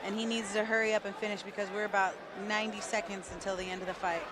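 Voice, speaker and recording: A man's voice: sits high, flat delivery, fast talker. A man giving conversational color commentary on a live fight. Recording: noisy live arena with loud crowd. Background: crowd and event ambience.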